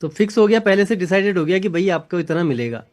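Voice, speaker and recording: A man's voice: sits high, lively intonation, fast, darkish tone. A man interviewing, asking follow-up questions and briefly agreeing.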